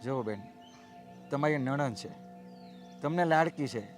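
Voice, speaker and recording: A middle-aged actor playing a humble father who pleads earnestly and tries to calm others. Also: medium pitch, measured pace, soft background music, lightly acted. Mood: pleading. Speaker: actor in a family drama.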